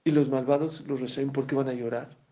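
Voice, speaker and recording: A man teaching a Torah class, animated and full of rhetorical questions to his students. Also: medium pitch, a little fast, highs cut off. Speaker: religious teacher.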